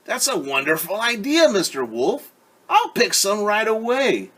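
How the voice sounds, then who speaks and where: A man's voice: a little high, big pitch swings, moderate pace, fairly bright tone, breathy edge, pitched above the performer's own voice, heavily acted. A man voicing a polite, eager young girl in a storybook reading.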